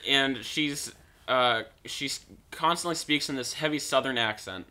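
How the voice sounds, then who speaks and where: A man's voice: mid-range voice, unhurried, bright, forceful tone. Sarcastic young man recapping a movie. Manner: sarcastic, rambling recap with filler "like". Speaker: co-host reviewing a movie. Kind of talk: casual chat.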